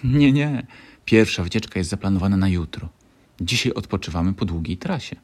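A man voicing a gentle, caring female bear who leads a children's trip in a storybook. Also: low-pitched, expressive, brisk. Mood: soothing. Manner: warm, soothing, instructive.

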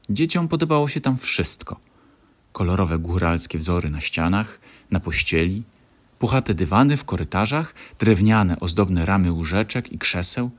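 A man narrating a children's bedtime story in a calm, expressive reading voice. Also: low voice.

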